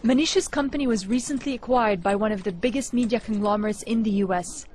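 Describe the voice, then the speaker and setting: A woman reporter reading a scripted news narration in a measured, clear delivery. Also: a little high, darkish tone, a little hiss or hum.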